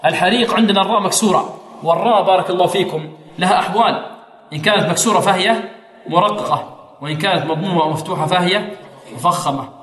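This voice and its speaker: A man teaching Quran recitation rules, quizzing his students with questions and chanting verses slowly to demonstrate. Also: sits high, fairly bright tone. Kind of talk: tajweed lesson with chanted recitation. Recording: echoey hall.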